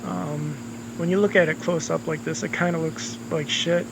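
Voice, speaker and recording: Man, casual DIY vlogger, flat delivery, slightly raised pitch, dry close sound, hoarse edge, swears casually. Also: moderate pace, background noise. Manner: relaxed, rambling, lots of ums and uhs, swears casually. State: losing his voice. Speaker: homeowner vlogger. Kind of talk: casual home-repair vlog narration.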